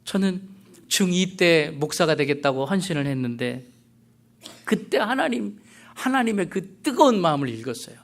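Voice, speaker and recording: A middle-aged man preaching a sermon as pastor, earnest and conversational, with soft asides. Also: fairly high pitch, expressive, normal speed, vocal fry.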